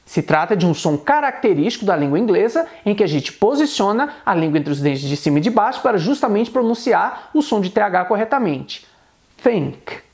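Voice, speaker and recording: A man teaching an online English pronunciation lesson, explaining patiently and repeating example words slowly. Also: sits high, sing-song, a little mellow.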